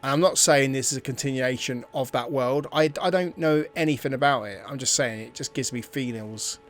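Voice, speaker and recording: A gameplay commentator with a mid-range, fairly quick voice gives casual let's-play commentary. He muses and thinks aloud, now and then dropping almost to a whisper.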